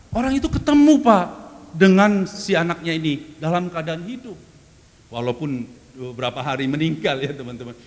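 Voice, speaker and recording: High lively man preaching in a hall. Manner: animated storytelling, repeats phrases, laughs often. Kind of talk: testimony sermon. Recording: long hall reverb.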